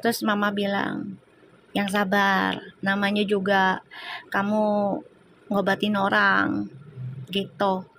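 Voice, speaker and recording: Medium in pitch and a bit bright, yet completely flat in delivery, her voice comes with a slight hiss or hum. She is a tarot reader from Indonesia, bantering with live-stream viewers, responding to comments, and breaking into quick prayers and bits of song.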